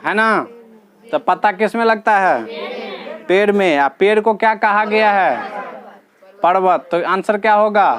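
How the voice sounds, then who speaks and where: A male teacher, patiently walking his students through reasoning questions in a classroom and repeating each answer. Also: high voice.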